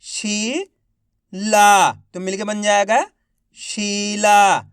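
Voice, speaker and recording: Male reading teacher, slow, smooth clear voice, sounds out syllables then stretches words, encouraging, dry close sound. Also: high voice, fairly bright tone, no echo. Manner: encouraging, addresses viewers as friends. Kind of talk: online reading lesson.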